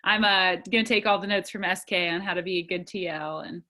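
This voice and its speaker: A woman's voice: lowish voice, a little fast, sharp tone. A woman in her twenties, a guest in a casual interview, chatty and upbeat with many fillers. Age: 20s.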